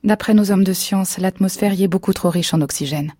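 Curt, dismissive alien husband, read by a woman in a breathy, mellow voice. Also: high-pitched, fairly quick, no echo, studio quality. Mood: impatient. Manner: curt, scornful. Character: impatient dismissive Martian husband.

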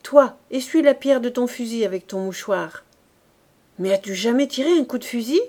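A brisk, commanding corporal, put on by a woman reading a story aloud. He barks short orders in a loud, higher-pitched voice. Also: animated. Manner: barking orders, raised voice. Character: gruff blunt male corporal, brisk and commanding.

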